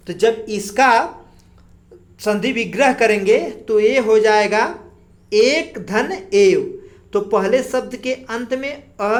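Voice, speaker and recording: A woman teacher explaining grammar slowly for exam preparation, drawing out single sounds as she goes. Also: fairly high pitch. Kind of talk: exam-prep grammar lesson.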